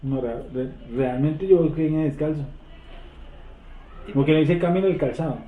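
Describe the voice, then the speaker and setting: Male Bible teacher, fairly high voice, echoey room, tinny phone-like sound; asks the group questions. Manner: asks the group questions, repeats verses slowly. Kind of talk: interactive Bible study teaching.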